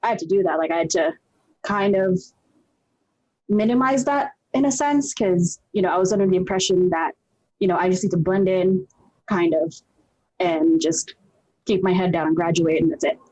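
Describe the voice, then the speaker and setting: A woman's voice: lowish voice, moderate pace, long pauses, a little mellow, rough recording. A young woman from the Philippines, co-hosting a casual group chat, talkative and swearing freely. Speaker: podcast co-host.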